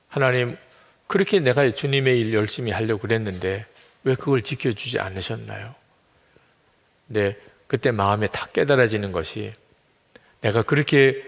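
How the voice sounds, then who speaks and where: A low, gravelly male voice carries a sermon through a church sanctuary, and the words hang in a long reverb. He tells the story in a storyteller's way and acts out each quoted speaker in turn. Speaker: pastor.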